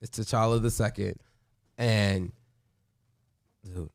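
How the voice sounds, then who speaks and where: Excited man in casual podcast chat. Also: fairly low pitch, slow pace. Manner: excited, talks in bursts with restarts. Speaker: podcast host.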